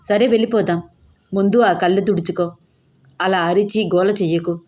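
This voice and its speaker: A woman's voice: medium pitch, steady tone, moderate pace, a little mellow, natural voice. A woman voicing a pushy, sly young man in a story.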